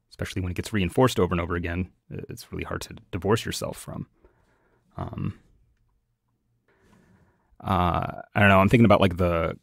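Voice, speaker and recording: A man's voice: low-pitched, creaky, no room sound, clean studio sound. A man talking as an astrologer co-host in a casual podcast chat, hesitant, full of fillers and restarts.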